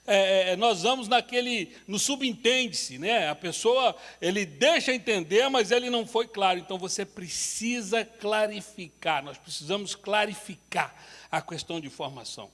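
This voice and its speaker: A man's voice: high-pitched, lively intonation, normal speed, a bit bright. A man teaching a couples workshop at church, telling humorous, self-deprecating stories. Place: church hall. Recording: reverberant church hall.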